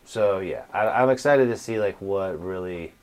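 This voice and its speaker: Very deep-voiced joking man. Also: moderate pace, a little mellow. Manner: joking, crude, teasing. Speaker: podcast co-host. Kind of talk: casual chat.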